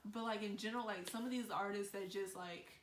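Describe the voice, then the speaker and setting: A woman's voice: mid-range voice, fairly even intonation, a little fast, noisy background. A young adult woman giving opinions in casual, emphatic conversation as host of a reaction chat. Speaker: host reacting with her grandmother. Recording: echoey room with music behind.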